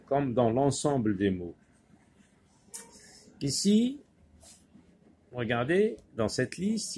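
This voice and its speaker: A man's voice: mid-range voice, a little hiss or hum. A man teaching a French spelling lesson, patiently repeating words and spelling them letter by letter.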